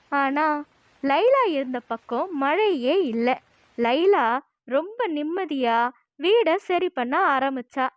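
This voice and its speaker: A woman narrating a children's cartoon story in a plain, steady way. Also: high-pitched, no echo, lo-fi sound.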